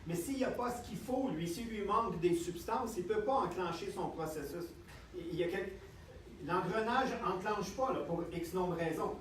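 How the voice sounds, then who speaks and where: A man with a Quebec French accent giving a lively seminar talk and checking in with the audience again and again. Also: high voice, normal speed, slight background noise. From Canada. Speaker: health speaker. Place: lecture room with audience. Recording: echoey room, distant mic, faint ambience.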